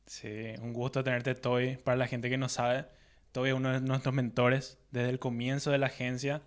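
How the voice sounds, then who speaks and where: A man co-hosting a business podcast, asking questions and explaining things in an even, conversational way. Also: medium pitch, moderate pace. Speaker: podcast co-host. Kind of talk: podcast interview.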